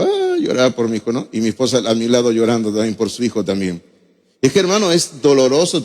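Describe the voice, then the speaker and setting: Middle-aged Peruvian pastor preaching in reverb. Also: male voice, on the high side. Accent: Peruvian Spanish. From Peru. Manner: emotional, addresses listeners as brother. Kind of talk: sermon. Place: church hall. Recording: long church reverb.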